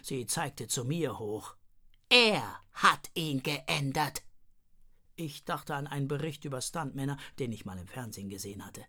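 A woman reading a children's story aloud in the first person, lively and expressive. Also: extremely low pitch, a little fast, few pauses. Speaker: audiobook reader.

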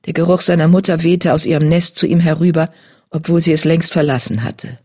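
Husky-voiced audiobook reader. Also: medium pitch, fairly even intonation, brisk, dark tone. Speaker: audiobook narrator. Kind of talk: scripted audiobook narration.

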